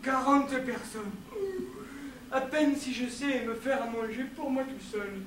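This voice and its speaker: A man's voice: very high-pitched, unhurried, background noise. An actor in a one-man stage show playing an eager, clumsy young man from the south who is new to a theatre troupe, chatty and nervous, swearing casually. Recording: echoey live stage from far off.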